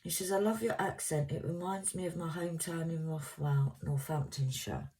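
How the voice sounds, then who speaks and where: A woman in her fifties, originally from Scotland, with a soft voice and a mixed English accent, chatting to viewers in a casual, rambling way and sometimes stumbling over words. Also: sits low, normal speed, slightly rough. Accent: English, mixed southern. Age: 50s. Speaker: crafting vlogger.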